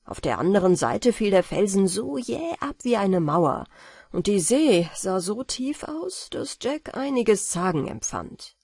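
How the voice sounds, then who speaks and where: A woman reads a bedtime fairy tale aloud in a calm, unhurried way. Her soft, breathy voice moves through a lively pitch range. The recording is dry and close to the mic. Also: no echo. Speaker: audiobook reader.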